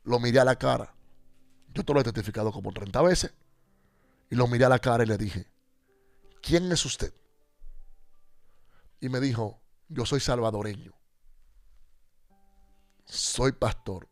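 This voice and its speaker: Gravelly-voiced man giving testimony. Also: mid-range voice, normal speed, long pauses, no echo, faint music behind. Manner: animated storyteller acting out dialogue. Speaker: pastor and radio panelist. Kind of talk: personal testimony on a radio show.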